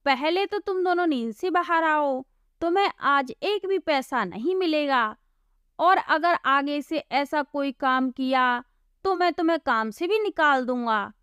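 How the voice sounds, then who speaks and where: A woman's voice: high voice, lively intonation, unhurried, fairly bright tone, dry recording, studio quality. A woman doing a stern scolding landlord. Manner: scolding, threatening. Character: stern bossy male landlord.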